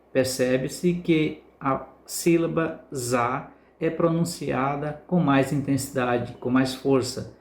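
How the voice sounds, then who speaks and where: Brazilian teacher slowly spelling out stresses. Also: male voice, mid-range voice, darkish tone, reverberant. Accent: Brazilian Portuguese. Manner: slow, drawn-out word repetition for emphasis. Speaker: Portuguese language teacher. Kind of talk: recorded remote class lesson.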